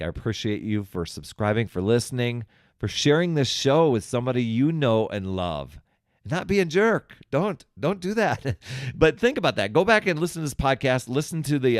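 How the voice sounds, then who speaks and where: A self-help podcast host with a fairly low voice encourages and coaches his audience, talking to them directly and conversationally. Studio quality audio, with no echo.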